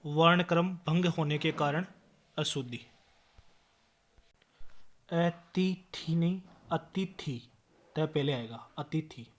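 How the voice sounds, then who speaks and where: A man's voice: fairly high pitch, fairly bright tone. A man tutoring Hindi spelling, reading out words one by one and correcting common mistakes. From India. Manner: slow, word-by-word dictation with corrections. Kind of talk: spelling drill lesson.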